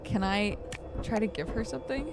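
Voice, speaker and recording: A woman's voice: mid-range voice, normal speed, heavy background noise. A woman doing casual, playful video game commentary, reacting expressively and reading game text aloud. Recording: loud game music behind the voice.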